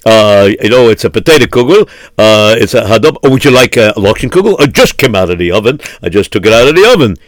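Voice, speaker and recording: Excitable miser, played by a man, lively pitch, fussy then explosive. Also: quick pace, no room sound. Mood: fussing host.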